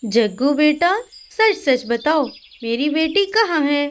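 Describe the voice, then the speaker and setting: A woman's voice: high-pitched, expressive, takes it slowly. Woman voicing a worried mother sparrow.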